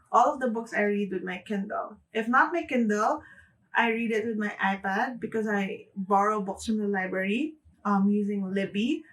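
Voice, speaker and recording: Recorded from a distance on rough audio, a young woman from the Philippines talks to camera as a booktuber in a mid-range, slightly bright voice. She's chatty, with a Filipino accent, light laughs, and frequent "like" fillers.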